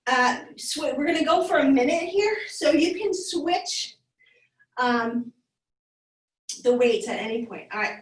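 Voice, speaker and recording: A woman yoga teacher leads a live class with hand weights, calling out moves and counting down the seconds as she works out alongside. Her voice sits a little high and she sounds a touch winded. She is picked up from a distance in an echoey studio. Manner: cueing moves, encouraging, slightly winded. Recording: echoey room, voice from far off.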